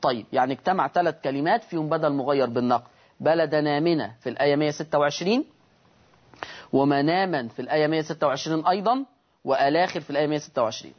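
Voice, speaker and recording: A man with an Egyptian accent and a fairly high voice, teaching recitation rules on a broadcast lesson. He stretches the example words out slowly as he recites them, then asks his listeners questions and answers them himself. The sound is a bit dull and lo-fi. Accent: Egyptian Arabic.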